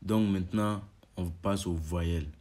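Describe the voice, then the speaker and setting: A young man calmly explaining an alphabet lesson to viewers. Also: low voice, a little slow. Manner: calm explaining, voice jumps up loud on each letter called out. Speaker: language teacher.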